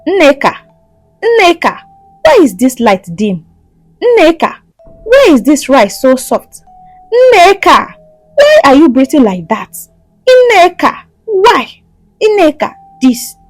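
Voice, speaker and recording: A woman voicing a harsh, domineering father who barks complaints in a shout. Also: sits high, sing-song, slow pace, long pauses, no echo, faint music behind, pitched above the performer's own voice, full character voice.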